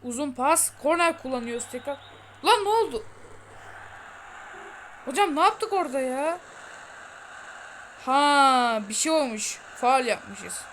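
A woman giving excited let's-play commentary on her football game, chatty, urging her players on and boasting to viewers. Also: high-pitched, slow, pauses often, a little hiss or hum. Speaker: gaming channel host.

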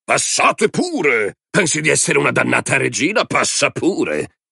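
A man's voice: mid-range voice, big pitch swings, vocal fry, sharp tone, husky, no room sound, studio quality, pitched above the performer's own voice, full character voice. A man doing a sneering drunk brute. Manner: sneering, taunting, drawn-out words. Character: drunk, crude, mocking man, hostile stepfather type.

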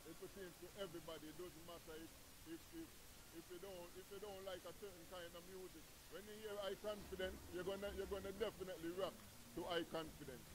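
A man's voice: sits high, steady tone, quick pace, poor audio. A middle-aged man from Trinidad and Tobago with a Caribbean patois accent, a reggae artist giving an earnest, preachy interview in a music lounge on a handheld mic. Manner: earnest, preachy, repeats "you know what I mean". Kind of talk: interview at a venue. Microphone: handheld mic held by interviewer.

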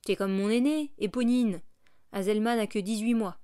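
Brash innkeeper's wife, as a woman reader puts her on, loud and calculating, storybook reading, dry sound. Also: a little high, moderate pace, no room sound, lightly acted. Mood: chatty.

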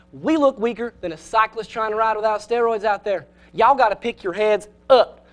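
A man putting on a blustering Southern football coach. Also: high-pitched. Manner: shouting pep-talk bluster. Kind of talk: comedy sketch character.

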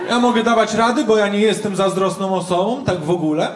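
A man doing a stand-up routine in front of a live crowd. He talks loudly and acts out shouted quotes. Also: high voice, fast talker. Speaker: stand-up comedian. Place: large comedy venue with live audience. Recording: echoey venue with audience noise.

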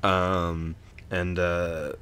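A man's voice: low voice, level tone, drawn-out words, bright, forceful tone, clean tone. A man co-hosting a book podcast, recapping chapters in a rambling, profane way with frequent laughs. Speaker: podcast co-host. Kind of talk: casual book discussion.

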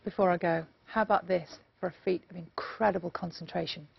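A woman presenting a breakfast news sports bulletin in a brisk, chatty way. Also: lowish voice, steady tone, vocal fry, lo-fi sound, slight background noise. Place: TV studio.

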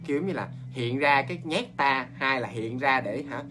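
A man with a Southern Vietnamese accent, hosting a ghost story show in a chatty, animated way and talking straight to his viewers. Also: mid-range voice, slight background noise. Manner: animated, talks straight to viewers, quick asides and laughs.

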